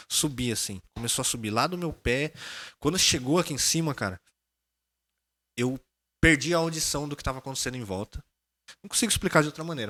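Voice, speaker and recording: Brazilian man, podcast guest, quick animated storyteller with a bright, forceful voice. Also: medium pitch. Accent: Brazilian Portuguese. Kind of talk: casual storytelling.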